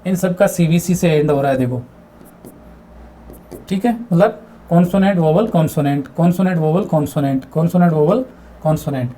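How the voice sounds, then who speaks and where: A man's voice: a little high, a little fast, pauses often, dark tone. A man teaching English grammar in a video lesson, repeating words and asking himself questions as he explains. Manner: mixes English terms into his explanations.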